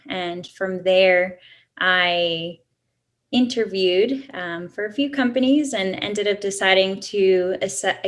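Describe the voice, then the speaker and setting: Chatty woman guest with many ums. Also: medium pitch. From Colombia. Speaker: interview guest. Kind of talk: casual interview answers.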